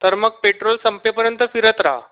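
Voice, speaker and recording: A man voicing an excitable shouting boy. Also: sits high, fairly quick, voice pushed up, lightly acted. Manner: shouting, eager. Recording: dull lo-fi recording.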